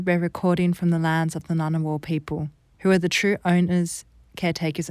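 A woman presents a current affairs radio show in a measured, formal, scripted manner. Her voice sits a little low for a woman. It is recorded close and dry, with no room sound. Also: darkish tone, dry recording. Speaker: radio host.

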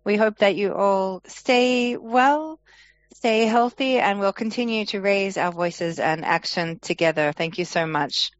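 A woman interpreter giving a translation voice-over of a speech at an online forum, in an earnest, measured way. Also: medium pitch, no room sound. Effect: translation voice-over of a speaker. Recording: dull lo-fi online forum audio.

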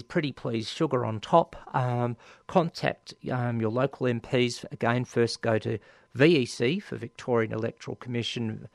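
A man's voice: medium pitch, gravelly, dry recording. A man with an Australian accent hosting a community radio show, chatting casually through announcements with lots of ums and playful asides. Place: radio studio.

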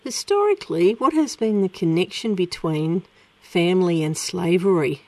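Woman presenting, low-pitched, close and dry. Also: expressive, normal speed, mellow, dry recording. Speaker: radio interview host. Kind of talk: prepared radio interview presenting.

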